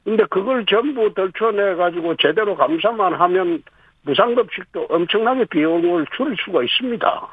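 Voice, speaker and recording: A man, a city government official, answering radio interview questions and explaining policy point by point with pauses. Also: high-pitched, lively intonation, slightly rough, no echo. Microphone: phone. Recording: tinny phone line.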